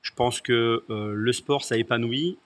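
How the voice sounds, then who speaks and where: A man's voice: mid-range voice, fairly even intonation, a little slow. A man who is a municipal candidate, speaking in a hesitant way and often repeating words. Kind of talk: political discussion.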